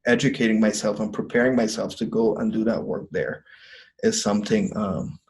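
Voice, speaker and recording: Young man from Guyana, slightly low voice, earnest and reflective, hesitant ums, webcam in a small room. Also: steady tone, moderate pace, gravelly, darkish tone, slight background noise, rough recording. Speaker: seminary student. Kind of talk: testimonial interview.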